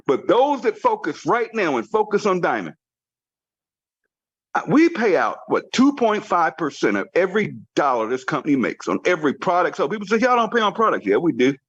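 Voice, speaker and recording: A man with a drawl drives a motivational training call, repeating his points with emphatic, preacher-like insistence. His voice sits fairly high and swings widely. It comes through a muffled, dry call line with no room sound. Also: very animated, moderate pace, slightly rough, dry recording. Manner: emphatic, repetitive, preacher-like urging. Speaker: network marketing team trainer. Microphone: conference call line.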